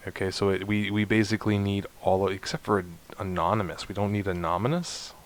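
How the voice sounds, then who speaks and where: A man narrating a space game walkthrough, explaining steps to viewers in a chatty, instructive way and getting excited at times. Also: fairly low pitch, brisk. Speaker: gaming YouTuber. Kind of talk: let's play walkthrough commentary.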